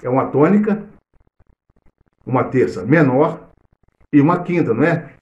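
With a Brazilian Portuguese accent, a middle-aged man casually teaches cavaquinho live, discussing theory while playing and humming or singing snippets in a chatty way. He is expressive, at medium pitch and moderate pace. The audio is dull, from an echoey room with loud cavaquinho.

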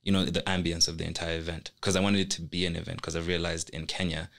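A man's voice: sits low, little pitch movement, quick pace, creaky, fairly bright tone. A young man speaking as a guest on a studio podcast, talking earnestly and reflectively about his work. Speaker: guest, artist. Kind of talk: casual podcast conversation. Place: small indoor podcast studio. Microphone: studio microphone on a stand.

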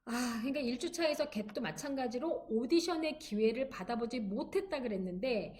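A woman giving an online English lecture, encouraging students and drilling phrases slowly for them to repeat. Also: a little high, expressive, darkish tone. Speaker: English teacher.

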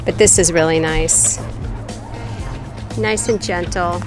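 A woman's voice: fairly low pitch, steady tone, takes it slowly. A woman hosting a sailing vlog, chatting upbeat and casual while out on a catamaran. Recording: with music underneath.

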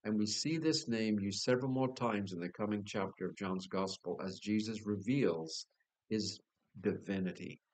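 A man preaching a sermon as pastor, explaining scripture verse by verse and slowing down to stress key words. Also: fairly low pitch, a little mellow, poor audio. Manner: expository preaching with a dry joke, slows for emphasis.

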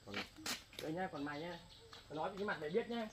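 A man's voice: on the high side, fast, noisy background, natural voice. A man playing a belligerent ex-husband. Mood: threatening. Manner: belligerent, insulting, dismissive. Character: angry, contemptuous young ex-husband.

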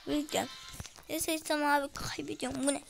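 A high-pitched woman streams a game and narrates her play in a loose, excitable way, often exclaiming and addressing her viewers directly. Game music plays steadily behind her voice. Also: fast, creaky, rough recording. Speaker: gaming streamer. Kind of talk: casual gameplay commentary. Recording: music playing in the background.

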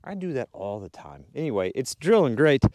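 A young man talks through his barn build out in the woods, his pitch bouncing around lively as he explains each step. He is recorded on an action camera close to the work, with faint outdoor noise and tool clicks behind him. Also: fairly quick. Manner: chatty, explains steps while working. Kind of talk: casual build vlog. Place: outdoor wooded building site. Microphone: action camera mounted near the work.

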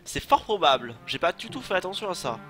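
A man's voice: high-pitched, sing-song, fairly quick. A young man casually commenting on his gameplay, joking, swearing and talking to his chat. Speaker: let's play streamer. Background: game music.

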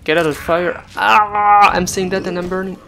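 A let's play gamer commenting casually on gameplay, excitable and joking, with yelps and non-native English phrasing. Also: medium pitch, normal speed, gravelly, a little hiss or hum. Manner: excitable, yelps and laughs, jokey asides. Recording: game music and gunfire under the voice.

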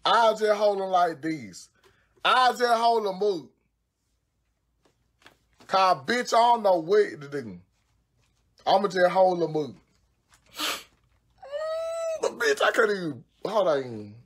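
A social media personality livestreams from home on her phone, painting her own nails while chatting casually and cursing freely. Her medium-pitched, husky voice is sing-song and slow with long pauses, and her manner is brash, profane and exclamatory.

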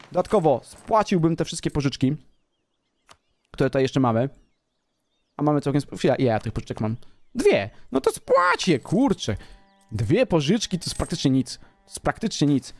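A man's voice: fairly high pitch, darkish tone, dry recording. A man commenting casually on his own strategy game play, boastful and playful, talking straight to his viewers. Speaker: gaming commentator.

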